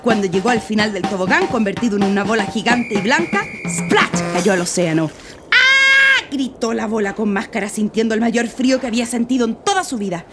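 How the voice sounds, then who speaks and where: A woman narrating a children's story in an animated, playful way, with sound effects. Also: medium pitch, a little fast, few pauses. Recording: music playing behind.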